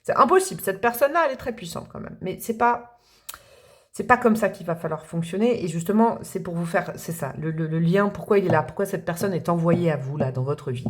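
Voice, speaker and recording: A woman's voice: lowish voice, animated, a little fast. A woman giving a casual tarot reading, talking straight to her viewers and thinking aloud as she goes. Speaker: tarot reader.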